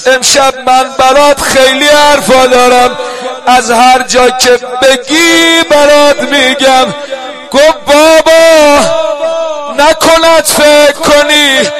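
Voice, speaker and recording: A man chants a mourning lament in a very high voice, calling out the verses with strong emotion. Music plays clearly behind him. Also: flat delivery. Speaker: lament singer.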